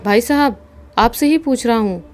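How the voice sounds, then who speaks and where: A woman voicing a frightened young man on a dark road. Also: a little high, animated, normal speed, soft background music, natural voice. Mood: pleading.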